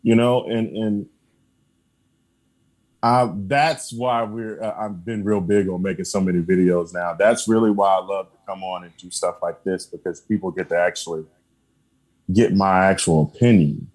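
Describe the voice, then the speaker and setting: A man with a fairly low voice speaks as a podcast guest. He talks in a relaxed, earnest way, hammering his points home with repeated affirmations. He breaks into short laughs between points. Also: moderate pace. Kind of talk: casual conversation.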